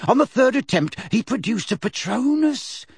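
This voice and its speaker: A woman's voice: on the high side, animated, moderate pace, darkish tone, slightly rough, no room sound, clean studio sound, pitched above the performer's own voice, exaggerated voice. A man voicing a nervous older woman giving witness testimony, earnest and a little shaky. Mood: urgent. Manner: shaky then steadier, earnest.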